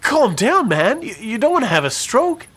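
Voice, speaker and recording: A man's voice: extremely high pitch, sing-song, moderate pace, fairly bright tone, slightly rough, full character voice. A man voicing a wry young male detective in a game, full of dry, sarcastic asides. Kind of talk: game voice acting.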